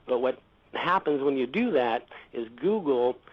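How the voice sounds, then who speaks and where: A man's voice: mid-range voice, lively intonation, unhurried. A man answering interview questions about his business, speaking hesitantly with many fillers and restarts. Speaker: reputation management company founder. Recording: dull lo-fi audio.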